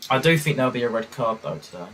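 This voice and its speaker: A man's voice: medium pitch, expressive, quick pace, fairly bright tone, slight background noise, poor audio. A young man chatting casually on a football watchalong live stream, hesitant and full of fillers. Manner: rambling, hesitant, lots of fillers.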